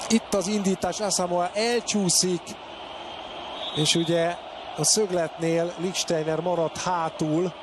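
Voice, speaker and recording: A male football commentator with a fairly high voice sounds excited as he makes clipped, urgent calls of the players. His voice leaps up at every chance, heard over clearly noisy broadcast sound.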